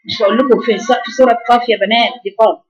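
A woman with an Egyptian accent teaching Quran recitation to a class of girls, correcting students and repeating words slowly to drill them. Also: fairly high pitch, steady tone, highs cut off. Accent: Egyptian Arabic.

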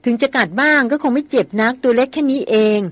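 A woman's voice: high-pitched, fast talker, no echo, pitched above the performer's own voice. Woman reading as a spirited headstrong young woman. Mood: eager, pleading.

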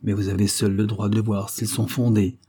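A man's voice: fairly low pitch, level tone, normal speed, dark tone, slightly rough. A man reading a storybook, voicing a humble male servant who speaks deferentially to his master.

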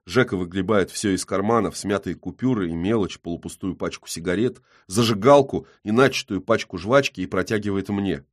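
A man's voice: low-pitched, brisk, hardly any pauses. A man reading a first-person audiobook with gritty, tense storytelling. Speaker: audiobook narrator.

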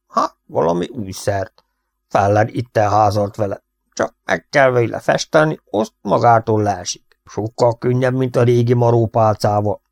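A man reading the part of a glum, plain-spoken male farmer who talks slowly in rustic country speech, in a storybook reading. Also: medium pitch, gravelly, no room sound, studio quality, close to an everyday voice.

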